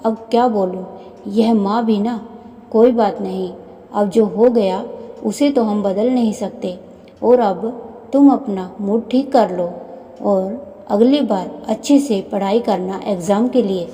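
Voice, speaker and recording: Woman playing a calm young husband. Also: medium pitch, takes it slowly, lightly acted. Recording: long hall reverb.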